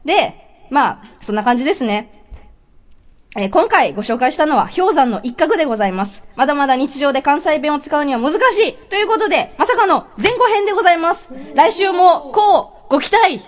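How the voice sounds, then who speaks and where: A woman's voice: high voice, fast. A woman with a Kansai accent presenting in a casual, laughing way, explaining her dialect. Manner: lively, laughing, mixes Kansai phrases.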